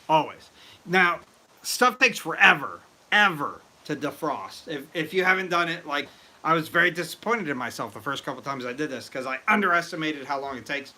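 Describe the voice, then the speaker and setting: An excitable man rambling through a casual brewing livestream, greeting viewers as he goes. His voice is very bright and sharp, and it sits a bit high for a man. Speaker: livestream host. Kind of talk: casual live-stream chat while brewing mead.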